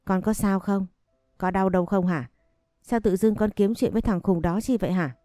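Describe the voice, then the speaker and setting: A woman's voice: mid-range voice, steady tone, moderate pace, dark tone, no room sound, studio quality, faint music behind, lightly acted. A woman voicing a spiteful middle-aged mother who dotes on her son. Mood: fussing.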